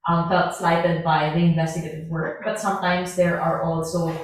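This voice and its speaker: A woman's voice: fairly low pitch, little pitch movement, moderate pace. Woman on a breaking-up video call. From Philippines. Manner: hesitant, many ums. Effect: choppy video-call audio breaking up. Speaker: audience member asking a question. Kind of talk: question over a video call. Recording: echoey, distant video-call audio with faint noise and clicks.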